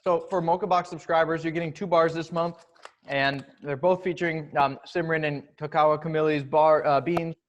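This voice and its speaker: A host with a fairly high-pitched voice speaks at normal speed, casually explaining how a chocolate bar was developed and what subscribers get. His manner is relaxed and explanatory.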